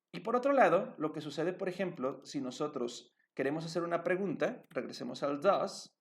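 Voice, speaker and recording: A man's voice: on the high side, gravelly. A man, teaching English grammar and stopping often to check that his students follow. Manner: patient, checks understanding with tag questions. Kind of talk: explaining grammar at a board.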